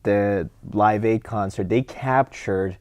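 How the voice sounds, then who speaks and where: A young adult man co-hosting a podcast, talking about a film in a relaxed, eager way and chuckling now and then. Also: lowish voice, slow, dry recording. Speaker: podcast co-host. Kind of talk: casual chat.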